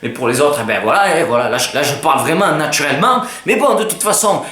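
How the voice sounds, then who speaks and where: A teenage YouTuber with a Southern French accent chats to camera in a casual vlog, joking and mocking himself with lively banter. His voice is fairly high-pitched and fast, with a reverberant sound.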